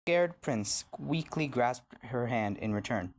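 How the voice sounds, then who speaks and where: Reading a scripted fairy tale a little slowly, a man with a medium-pitched voice tells the story in an expressive storybook manner.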